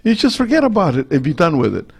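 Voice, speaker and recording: A middle-aged man hosts a talk radio show with a Costa Rican Spanish accent. His voice is gravelly, and he rambles through anecdotes with frequent restarts. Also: a little high, big pitch swings, quick pace. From Costa Rica.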